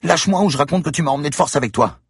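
A man's voice: very fast, slightly rough, dry recording, clean studio sound. A man voicing an eerie, manipulative little girl in an audiobook reading, pleading and threatening. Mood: menacing. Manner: pleading and threatening in a high childish voice.

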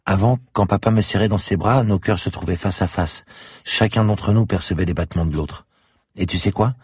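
A man reading a story aloud and voicing a timid little girl of nine or ten in a high, pleading childlike voice. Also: a little fast, darkish tone, slightly rough, no room sound, studio quality. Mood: tender.

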